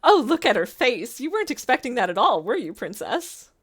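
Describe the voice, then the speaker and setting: Woman doing a snide, taunting witch, swooping pitch. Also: big pitch swings, fairly quick. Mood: mocking glee. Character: smug, taunting female witch, teasing and snide.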